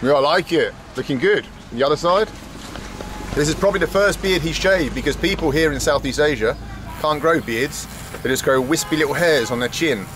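A travel vlogger in his forties, with a fairly quick, highish voice, jokes to camera and to locals in simple English while filming himself with a handheld action camera at arm's length. He starts in an open-sided roadside barber hut, then moves to a sunny street, with outdoor street noise behind him.

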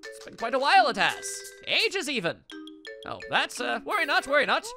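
Crazy old male herbalist voiced by a game player, feigned madness, high and swooping, cackling eccentric for a fantasy game. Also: huge pitch swings, moderate pace, music in the background, exaggerated voice. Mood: gleefully crazed. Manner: feigning madness, giggling, doubling phrases. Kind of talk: reading video game dialogue in character.

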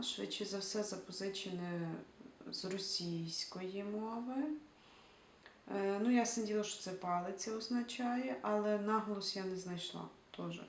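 A woman's voice: medium pitch, a little mellow. A woman reading a novel aloud who breaks off now and then to muse casually about unfamiliar words. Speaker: audiobook reader. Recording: roomy echo, distant mic, faint hiss.

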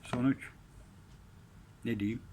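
A man in a heated, profane rant, repeating himself and swinging between loud outbursts and low mutters. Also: fairly even intonation, takes it slowly. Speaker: vlogger. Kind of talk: angry ranting monologue.

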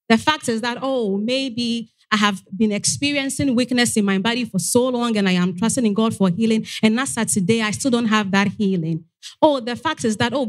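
Young woman preaching a sermon. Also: fairly high pitch. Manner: earnest exhortation with frequent "Amen". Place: church sanctuary stage. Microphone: handheld mic.

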